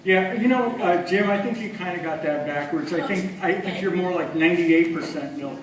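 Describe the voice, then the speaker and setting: Self-mocking stand-up comic, echoey club. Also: male voice, high voice, normal speed, far from the mic, crowd noise. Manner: chatty, self-mocking, teasing the audience. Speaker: stand-up comedian. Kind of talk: stand-up comedy set. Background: audience laughing.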